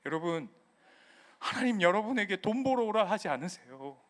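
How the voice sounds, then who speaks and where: A man preaching in a church with a high, bright, ringing voice. He keeps asking the congregation questions and answering them himself. He acts out the quoted words with lively voices. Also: moderate pace. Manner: animated preaching, acting out quotes of God and parents. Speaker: pastor. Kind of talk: sermon. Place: church sanctuary.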